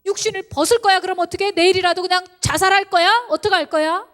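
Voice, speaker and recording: Woman pastor, animated sermon, very high pitch, rhetorical and exhorting. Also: quick pace. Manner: animated, acts out believers' inner voices.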